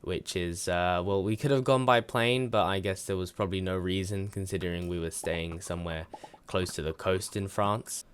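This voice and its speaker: A fifteen-year-old British male telling a casual story as video commentary in a deadpan, dry and slightly halting conversational way. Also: deep voice, clear, resonant tone. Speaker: gaming video creator narrating.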